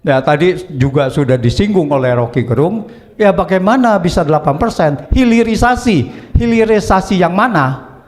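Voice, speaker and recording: A man with a notably high voice gives political commentary. He explains points carefully, one step at a time, and often pauses on small fillers. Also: lively intonation, a little mellow. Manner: measured explanation with frequent fillers like "eh" and "gitu". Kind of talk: analytical commentary.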